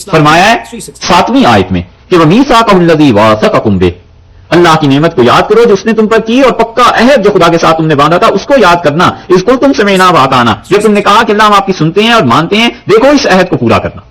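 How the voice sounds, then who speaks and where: A man's voice: fairly high pitch, rough recording. A man teaching a Quran commentary, reciting verses and explaining them in plain talk, with stories and quoted lines along the way.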